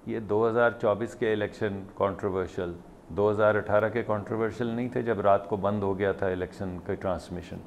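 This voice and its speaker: A man's voice: lowish voice, steady tone, fairly quick. A man, a political panelist speaking from a remote studio, arguing insistently point by point. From Pakistan. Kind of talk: heated political debate. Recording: muffled remote link with faint noise.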